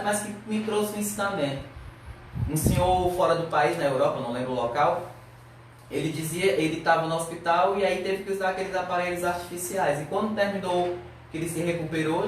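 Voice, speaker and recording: Echoey, distant man teaching scripture. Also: high voice. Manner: earnest, exhorting with rhetorical questions. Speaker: Sunday Bible school teacher. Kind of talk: Bible class teaching. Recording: very echoey, distant mic, faint noise.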